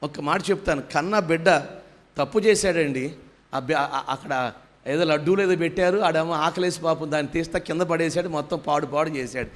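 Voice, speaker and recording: A man's voice: on the high side, fairly quick. A man preaching a sermon as pastor, pressing the congregation with questions and urging them to praise aloud. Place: church hall.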